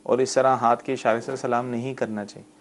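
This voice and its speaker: A man serving as the mufti on a religious TV call-in show, who explains rulings patiently and slowly spells out the correct pronunciation. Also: mid-range voice, level tone. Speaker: mufti answering callers' religious questions.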